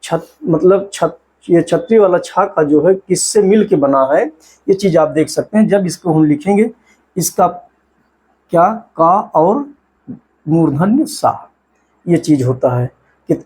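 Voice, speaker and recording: A man teaching an exam-prep lesson, asking questions and answering them himself, and sounding out syllables slowly. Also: a little high, expressive, darkish tone, slightly rough.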